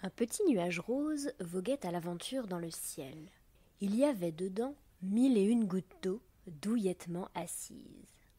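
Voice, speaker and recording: A woman reads a children's storybook in a soft, gentle voice, easing down close to a whisper on quiet passages. Her pitch sits in the middle for a woman, and her telling is calm and even. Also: unhurried, a little hiss or hum. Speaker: reader. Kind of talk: storybook narration.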